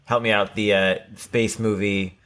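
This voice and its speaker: A man's voice: on the low side, flat delivery, a little slow, a bit bright. A man co-hosting a podcast, talking casually with lots of "like" and "right?" fillers. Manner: conversational, many fillers like "like" and "right?". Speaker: podcast co-host.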